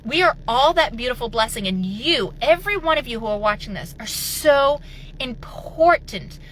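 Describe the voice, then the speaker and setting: A high, bright woman's voice telling a heartfelt personal story with earnest, animated energy. She slips into the voices of the people she quotes, then returns to her own inspirational tone. A faint hum of ambience sits behind her. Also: normal speed, rough recording. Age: adult with children. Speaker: motivational speaker.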